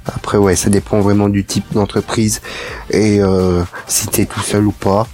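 Man, radio host, casual chat, hesitant, lots of fillers, lowish voice. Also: little pitch movement, unhurried, a little mellow, faint music behind. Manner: hesitant, many fillers and restarts.

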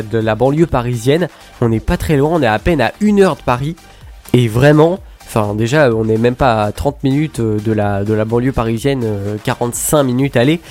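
Speaking from a radio studio, a man hosts a show with relaxed on-air banter. His voice is medium in pitch and a little mellow, and his delivery is halting, with many fillers and false starts.

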